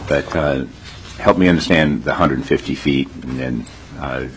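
A very deep-voiced man puts questions to a committee. He stops and restarts often, over faint room noise. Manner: halting, with many restarts. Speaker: state senator.

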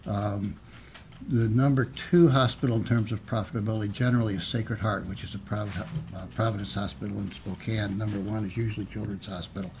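A man giving formal legislative testimony in a measured, politician-like official manner, halting with frequent pauses. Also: lowish voice, fairly even intonation, a little mellow. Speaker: physician and state health official testifying. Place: indoor legislative committee room. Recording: noisy public hearing room audio.

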